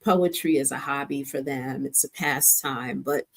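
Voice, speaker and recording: A woman's voice: a bass voice, measured pace. An older woman hosting a casual chat, effusive with praise.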